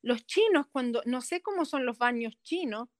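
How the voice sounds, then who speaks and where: A woman's voice: high-pitched, expressive, normal speed, dry recording. A woman. She answers in a casual interview, hesitantly feeling for the right words. The sound is dry and close. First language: not a native Spanish speaker. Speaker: interviewee, Airbnb host.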